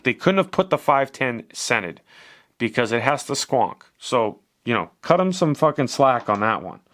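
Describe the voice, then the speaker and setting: A man's voice: mid-range voice, very animated, moderate pace, fairly bright tone. A man giving a casual, chatty product review as he unboxes and shows a device, swearing now and then.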